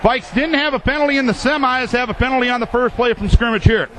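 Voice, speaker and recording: A man's voice: very high voice, fairly even intonation, fast, a bit bright. An American man giving live football play-by-play in clipped, telegraphic phrases. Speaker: play-by-play sports announcer. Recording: clear noise behind voice.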